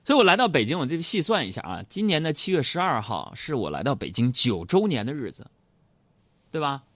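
A man telling comic stories in a lively stand-up monologue, acting out other people's voices. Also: mid-range voice, fairly quick, dry recording. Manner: animated storytelling, acts out other voices. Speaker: comedy radio host.

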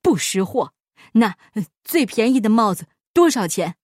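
A woman's voice: on the high side, big pitch swings, moderate pace, darkish tone, no room sound, studio quality. A woman voicing a stingy, greedy old landlord who stammers and blusters in a storybook reading. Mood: stammering greed. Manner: stammering, grasping, indignant.

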